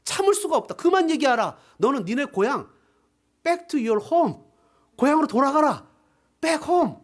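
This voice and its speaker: A man's voice: very high voice, sing-song, a little slow, full character voice. A scornful, impatient false priest, as a preacher puts him on, brushing a prophet off and ordering him away. His voice jumps up and down with contempt.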